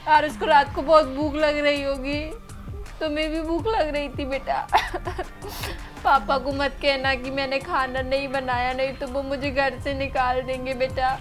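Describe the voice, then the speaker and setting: Home skit: careless young mother who scolds her kids, played by a woman; high-pitched, shrill when yelling. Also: little pitch movement, a little slow, over music. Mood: apologetic. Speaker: actress in a family skit. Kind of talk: home-made family drama acting.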